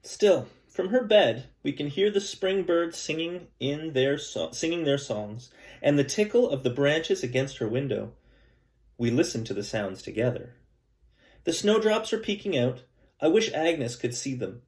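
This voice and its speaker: Reading a picture book to his class, this male elementary school teacher has a fairly high, unhurried voice. His storytelling is gentle and calm, sprinkled with chatty remarks to the children.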